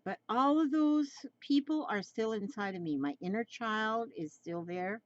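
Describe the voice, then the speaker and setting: A woman's voice: a little high, a little slow, muffled recording. A woman in her seventies chatting through a drawing tutorial, rambling and coaxing, often repeating her phrases. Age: 70s.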